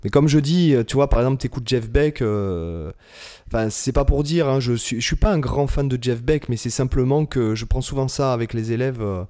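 A man's voice: mid-range voice, moderate pace, warm tone. A man co-hosting a casual podcast chat, rambling with lots of fillers and restarts. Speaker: podcast co-host, guitar teacher.

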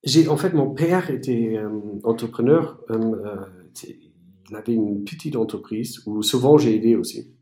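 A native German speaker from East Germany, appearing as an entrepreneur guest, answers interview questions haltingly, full of fillers and restarts. His voice is medium-pitched and mellow, with a roomy sound.

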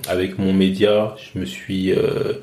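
A man in his thirties from France, speaking as an interview guest in a halting way, with many restarts and repeated words. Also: sits low, monotone, dark tone. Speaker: interview guest, media founder. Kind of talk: casual interview talk. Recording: roomy echo.

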